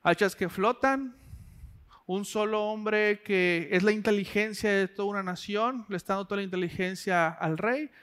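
A man's voice: sits high, normal speed, a bit bright, smooth. A man preaching a sermon in a conversational way, asking the listener direct questions.

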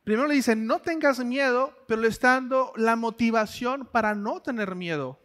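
A man's voice: extremely high pitch, a little fast, fairly bright tone. A man preaching a sermon in a conversational way, asking the listener direct questions.

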